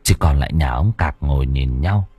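A man narrating a ghost story in an expressive, dramatic way. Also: a bass voice, moderate pace, husky, dry recording. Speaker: audiobook narrator.

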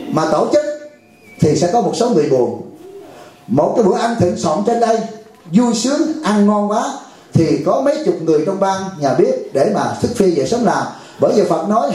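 At a retreat, a male Buddhist teacher delivers a dharma talk in a warm, high voice, keeping it conversational and full of jokes. "Right?" is a frequent question to his listeners, and the recording echoes heavily around the hall.

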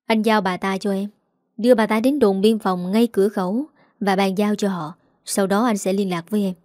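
A woman voicing a protective elder brother in his fifties who gives quick, urgent orders in a storybook reading. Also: mid-range voice, steady tone, a little mellow, no room sound, studio quality, natural voice. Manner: urgent, commanding.

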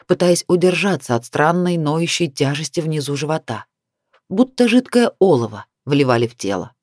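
Steady audiobook narrator, dry sound. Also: medium pitch, no echo.

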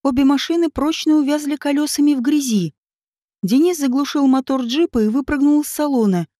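Woman reading a novel, high mellow voice, steady, dry sound. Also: fairly quick, dry recording. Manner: steady storytelling. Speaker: audiobook narrator. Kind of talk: scripted narration.

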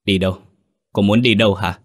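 Man doing a harsh old grandmother, stubborn, scolding, deep voice, ghost story. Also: fairly even intonation, brisk, natural voice. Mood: scornful.

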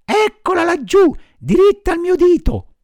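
Frail old woman, shrill, very high, anxious, dry close audiobook voice. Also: sing-song, a little slow, a little mellow, no room sound, exaggerated voice. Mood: alarmed. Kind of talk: audiobook character voice.

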